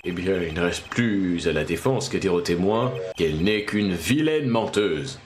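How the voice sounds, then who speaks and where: A man's voice: low voice, lively intonation, measured pace, background noise, pitched below the performer's own voice. A man voicing a smug, arrogant male courtroom prosecutor, reading game dialogue in a haughty, mocking way.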